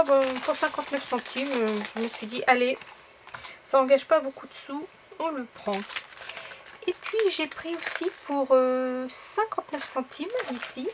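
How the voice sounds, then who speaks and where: A woman's voice: high-pitched, noisy background. Chatty woman showing craft stickers. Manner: chatty, many fillers and little asides to viewers. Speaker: craft vlogger. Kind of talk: casual haul video.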